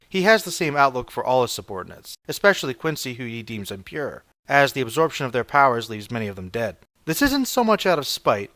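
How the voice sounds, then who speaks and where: A man narrating a scripted video essay as a reviewer, with a measured, analytical delivery. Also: medium pitch, a bit bright, no echo.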